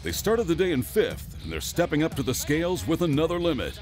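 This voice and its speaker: A man's voice: on the high side, big pitch swings, fairly quick, faint music behind. A man giving scripted voice-over narration for a fishing tournament broadcast.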